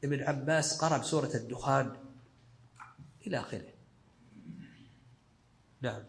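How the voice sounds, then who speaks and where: A man's voice: medium pitch, moderate pace, creaky. A male sheikh giving a scholarly lesson commentary, explaining in short, repeated phrases. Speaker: sheikh teaching a fiqh text.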